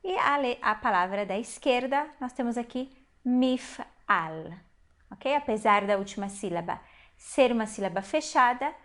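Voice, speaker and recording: A woman teaching a Hebrew reading lesson, explaining patiently step by step and slowing down to spell out syllables. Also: fairly high pitch. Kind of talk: online language lesson.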